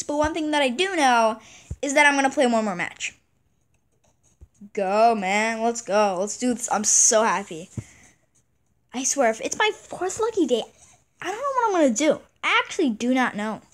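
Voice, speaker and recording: A woman giving casual gameplay commentary, excitable and chatty, repeating exclamations and stumbling over words. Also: high voice, moderate pace. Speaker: gaming channel host.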